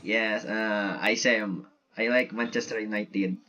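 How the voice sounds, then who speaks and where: Slow-talking young man, halting. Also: fairly low pitch, fairly even intonation, sharp tone, slight background noise. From Indonesia. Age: young adult. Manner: halting, with many fillers. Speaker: student interviewer. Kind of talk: casual interview for a class assignment.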